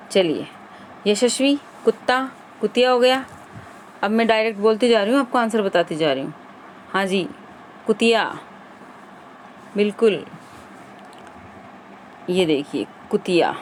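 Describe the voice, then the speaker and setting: A woman's voice: medium pitch, slight background noise. A woman teacher running an exam-prep grammar lesson, quizzing viewers and repeating the answers.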